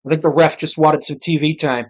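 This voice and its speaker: With a mid-range, steady voice of unclear sex, an amateur commentator delivers brisk, casual live football play-by-play full of muttered asides and self-corrections. The recording's highs are cut off.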